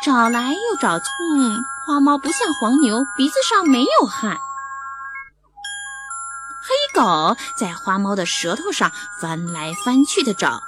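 A woman narrating a children's bedtime story in a lively, expressive way. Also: on the high side, unhurried, music in the background.

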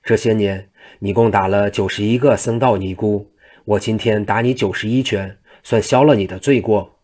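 A man's voice: on the low side, steady tone, normal speed, darkish tone, close to an everyday voice. A man voicing a scruffy, mischievous monk who teases in a cocky, cheeky way. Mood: smug. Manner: teasing, cheeky.

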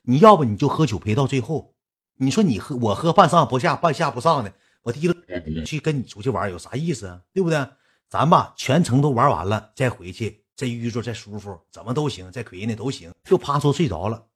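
Young Northeastern storyteller, husky, quick, lively pitch. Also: male voice. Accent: Northeastern Mandarin. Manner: colloquial, animated, acts out dialogue. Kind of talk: casual anecdote telling.

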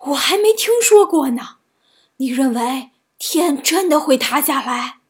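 A woman voicing a big male tiger who is gullible and quick to anger, in a children's storybook reading, speaking his lines loudly. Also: high-pitched, lively intonation.

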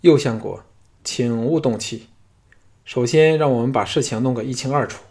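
A man's voice: mid-range voice, lightly acted. A man voicing a young commanding king. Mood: calm, composed. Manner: measured, rising to forceful declaration. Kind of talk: audiobook character voicing.

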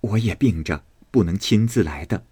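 A man voicing a gentle young widow who speaks softly and pleadingly. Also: deep voice, animated, moderate pace, breathy edge, dry recording.

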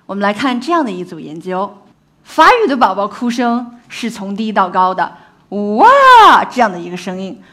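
A woman scientist giving a public talk on infant language learning in a lively, engaging way, often putting questions to the audience. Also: mid-range voice, a little fast.

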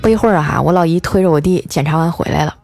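A woman's voice: low voice, gravelly. Chatty woman hosting a comedy podcast. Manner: lively, chatty, drawn-out filler particles. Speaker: podcast host. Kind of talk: scripted comedic storytelling. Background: faint background music.

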